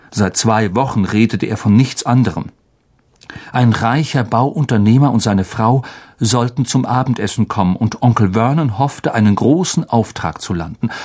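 A man narrating a children's story in an expressive audiobook style. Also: mid-range voice, slightly rough.

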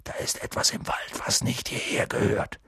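A man voicing a huge, gruff half-giant gamekeeper in an audiobook, with a rough, grim and wary way of talking. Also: mid-range voice, expressive, measured pace, no echo, clean studio sound, full character voice. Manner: grim, wary, gets loud and impatient. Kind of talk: audiobook character voice.

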